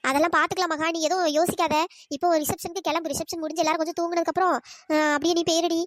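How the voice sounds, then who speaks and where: A woman's voice: very high voice, little pitch movement, no echo. Cartoon role: loyal young village friend, dry close voice, pleading and coaxing, a woman voicing her. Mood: reassuring. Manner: pleading, fast coaxing chatter. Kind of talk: cartoon voice acting.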